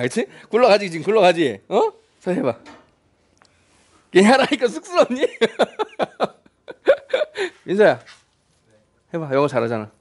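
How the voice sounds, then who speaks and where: A male math teacher lecturing a classroom, his voice sitting high and swinging widely in pitch. He talks in a chatty way and keeps throwing questions at his students.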